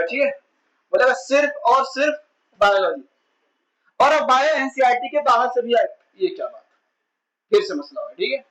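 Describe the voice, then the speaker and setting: A man's voice: very high voice, fairly bright tone, lo-fi sound. A male physics teacher giving an exam-prep lecture in a chatty way, asking his students rhetorical questions and mixing English terms into his talk. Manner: mixes English terms into Hindi.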